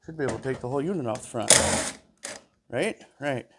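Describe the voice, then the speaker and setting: With a stuffy nose and a brisk, medium-pitched voice, a man talks to himself as he strips down an old mower in his workshop for his small engine repair vlog. He hums between tasks, and the recording is very noisy.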